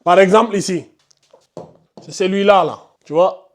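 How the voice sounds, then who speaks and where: A man with a high-pitched voice leads a tajwid class in a classroom. He explains each rule with patient repetition and quizzes his students as he goes. He firmly tells chatty pupils to be quiet. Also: a little slow. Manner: firm, scolds chatty students and asks the class questions. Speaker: Quran recitation teacher.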